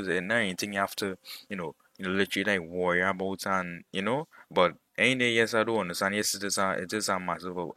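A man with a low, bright, forceful voice talking straight to his viewers in a casual vlog. He rambles, packing his talk with fillers and slang as he goes. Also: no room sound. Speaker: vlogger.

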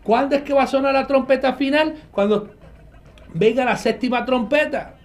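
A man's voice: extremely high pitch, fairly even intonation, moderate pace. A man preaching a nightly online Bible teaching, emphatic, asking questions and answering them himself. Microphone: live stream with viewers connected.

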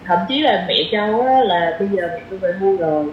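Speaking fast in an expressive mid-range voice, a woman with a southern Vietnamese accent talks casually as a guest on a podcast. Her chatty explanations lean on ordinary examples. It's a relaxed conversational interview captured in an echoey room, slightly muffled with faint background noise.

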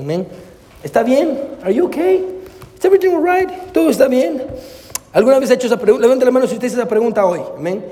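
A man's voice: high voice, mellow. A male pastor preaching a sermon, peppering his lines with amén and hermano and slipping into English phrases, with hesitant, storytelling restarts. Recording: long hall reverb.

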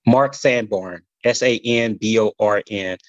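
Low-voiced Southern man, halting drawl. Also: no room sound, dull audio. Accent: Southern US, Mississippi drawl. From Mississippi, USA. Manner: halting, many pauses and repeated words. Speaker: podcast guest, military senior leader. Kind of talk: casual interview conversation.

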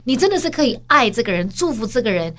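Higher-voiced woman chatting, code-switching. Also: fast. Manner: mixes English phrases into Mandarin, animated when acting out quotes. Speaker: podcast co-host. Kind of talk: casual chat.

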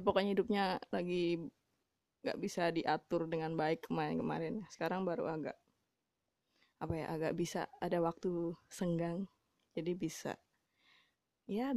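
A woman's voice: lowish voice, dark tone, no echo, studio quality. A young woman from Java hosting a casual solo podcast, talking bluntly and chattily with frequent fillers and laughs. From Java, Indonesia. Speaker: podcast host.

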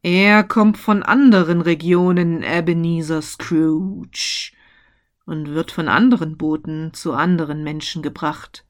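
A woman voicing the mournful ghost of a dead businessman, speaking solemn, slow warnings. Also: deep voice, fairly even intonation.

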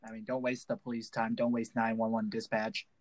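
A young man co-hosting a casual podcast, halting and full of ums. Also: on the low side, little pitch movement. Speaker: podcast co-host.

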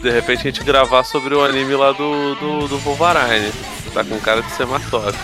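A man with a carioca Rio accent chatting casually as a podcast guest, in a slangy, halting way with repeated words. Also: medium pitch, fairly even intonation. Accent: carioca (Rio de Janeiro) Brazilian Portuguese. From Rio de Janeiro, Brazil. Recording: music playing behind the voice. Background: background music.

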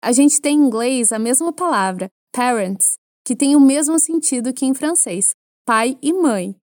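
Brazilian female language teacher, bright high register, dead-dry studio read, clear and patient. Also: expressive, a little slow, no echo. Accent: Brazilian Portuguese. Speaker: French teacher. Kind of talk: language lesson for Portuguese speakers.

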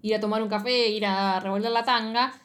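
A young woman with a Rioplatense Spanish accent, chatting casually as a podcast co-host, animated and slangy, acting out quotes. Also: medium pitch, brisk. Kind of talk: casual chat recapping a drama series.

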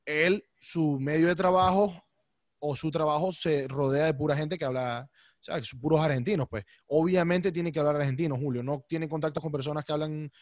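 Male host, Maracaibo Venezuelan accent, easygoing and talkative, slightly high voice, dry close sound. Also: normal speed, no room sound. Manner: lively, talks over his guest, uses voseo. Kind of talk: casual chat.

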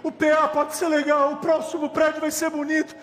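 A man preaching a sermon as pastor, passionate, moving from hushed talk to shouting. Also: extremely high pitch, monotone, a little fast. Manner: impassioned preaching, swinging from quiet to shouting. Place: large church hall. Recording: long hall reverb with faint music.

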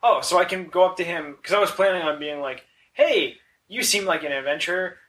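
A man's voice: high-pitched, a little fast, fairly bright tone, roomy sound. A man playing a tabletop game, chatty and playful in casual banter. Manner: chatty, hums and sings nonsense. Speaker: player. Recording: distant mic, faint noise.

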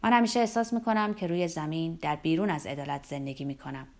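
A woman's voice: low voice, fairly even intonation, darkish tone, voice pushed down. A woman voicing a firm, reflective male doctor.

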